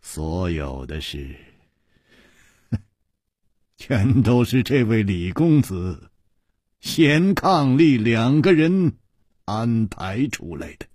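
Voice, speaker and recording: A male storyteller voicing a composed, wry hero who speaks slowly and knowingly. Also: on the low side, breathy edge, no room sound, studio quality, full character voice. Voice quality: calm, wry, drawn-out.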